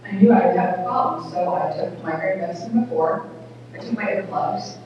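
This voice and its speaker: A middle-aged woman with a small, thin voice giving an earnest public talk at a community event, speaking plainly with halting restarts. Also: lowish voice, far from the mic, slight background noise. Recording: echoey hall recorded from afar, dull.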